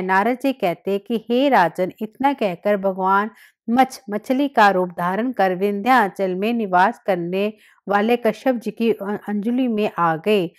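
Woman reading devotional scripture aloud. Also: medium pitch. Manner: steady recitation with occasional slips and restarts. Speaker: narrator.

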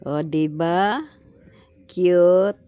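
A woman with a Filipino accent chatting slowly and warmly to her pet chickens outdoors, coaxing them and laughing, recorded on a handheld phone. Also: on the low side, smooth, highs cut off, soft background music. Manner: slow, chatty, laughing, coaxing baby talk. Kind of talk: casual chat to pets and camera. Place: outdoors on a patio lawn. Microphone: handheld phone pointed down.

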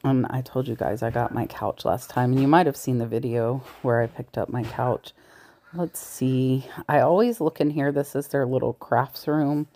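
In a dark bass voice with fairly even intonation and moderate pace, a reseller vlogger narrates her casual shop-with-me trip through a large thrift store. She talks to viewers as she browses, occasionally in a whisper, captured by a point-of-view body-worn camera mic.

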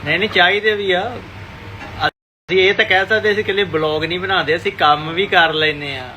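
Man, high pitch, Indian Punjabi accent, casual vlog chat, noisy surroundings. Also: steady tone, fairly quick, pushed and bright, highs cut off. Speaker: vlogger.

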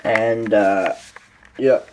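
A man's voice: on the low side, fairly even intonation, very slow, darkish tone, slight background noise. A man who is sick, chatting casually in a vlog as he edits videos, rambling with lots of fillers and correcting himself. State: sick, with a sickly voice. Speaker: vlogger. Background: faint music playing.

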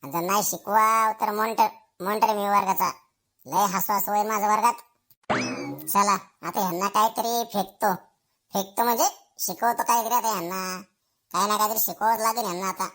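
A woman's voice: medium pitch, steady tone, moderate pace, fairly bright tone, voice pushed down, lightly acted. A woman voicing a blustering schoolboy who gets to be teacher for a day, in a village comedy skit, full of cheeky asides to himself. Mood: scheming. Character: brash boastful schoolboy made teacher for a day, male.

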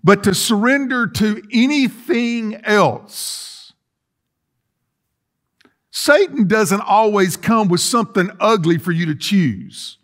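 In a large indoor sanctuary set with rows of chairs, a middle-aged pastor preaches in a high-pitched, somewhat bright voice at a slow pace. He walks and gestures while talking, earnestly restarting his lines.

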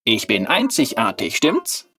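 A narrator playing Fiyerem, a shy and charming porcelain clockwork boy who speaks slowly and softly in a storybook reading. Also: medium pitch, huge pitch swings, recorded from a distance, full character voice.

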